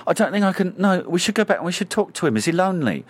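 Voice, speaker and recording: A woman's voice: lowish voice, sing-song, racing, slightly rough, voice pushed up. A man doing a fretful young actress. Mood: worried. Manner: anxious, caring questions. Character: gentle young actress fretting over a co-star.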